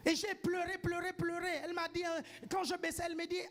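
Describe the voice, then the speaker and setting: A man preaching a sermon emphatically, forever checking that the congregation follows him and bursting into shouts to drive points home. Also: extremely high pitch, completely flat delivery, brisk. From grew up outside France. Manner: emphatic, keeps asking the congregation "do you follow?".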